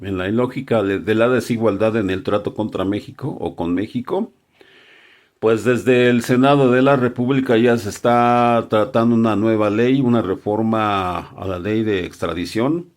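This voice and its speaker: A man delivering conversational news commentary, often pausing with hesitations. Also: mid-range voice.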